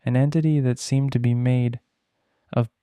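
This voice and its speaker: Mellow, smooth male bedtime storyteller. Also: medium pitch, steady tone, moderate pace, dry recording. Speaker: storyteller, narrator. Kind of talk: slow bedtime story narration.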